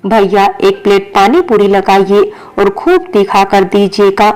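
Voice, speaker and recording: A woman's voice: mid-range voice, lively intonation, a little slow, a little mellow, lightly acted, low-quality recording. A woman voicing a playful, sulking young female employee in a storybook reading, with a childlike, insistent manner.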